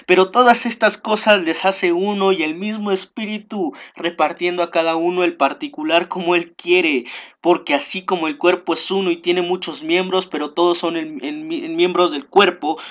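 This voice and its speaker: A man preaching a sermon. He reads scripture aloud, then explains it with frequent restarts and slows down to stress key phrases. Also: fairly high pitch, a bit bright. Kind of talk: sermon with Bible reading.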